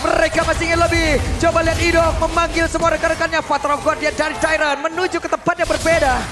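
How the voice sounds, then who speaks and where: A man's voice: very high voice, completely flat delivery, fast. A man with an Indonesian accent doing live esports play-by-play in the dramatic hype style of a fighting game announcer. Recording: music behind the voice. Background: background music.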